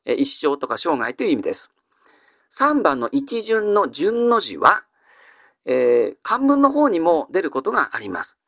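With frequent drawn-out fillers, a classical Japanese teacher patiently walks through vocabulary for exam prep in an animated, lively pitch. The recording is close and dry.

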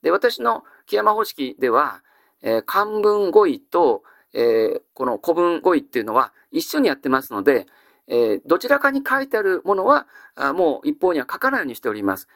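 A man teaching classical Japanese vocabulary in an exam-prep lecture, explaining patiently and often pausing on drawn-out fillers. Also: on the high side, big pitch swings, vocal fry, fairly bright tone, dry recording, studio quality.

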